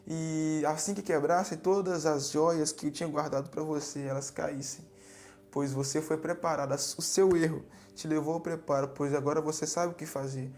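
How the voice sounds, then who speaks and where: A man's voice: a little high, fairly even intonation, moderate pace, darkish tone, lightly acted. A man reading as a wise old father. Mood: calm, fatherly. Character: wise older father writing a farewell letter.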